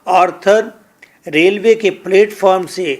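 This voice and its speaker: A man with a Pakistani accent teaching an English lesson, reading each line slowly and then translating and explaining it, often repeating words. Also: high voice.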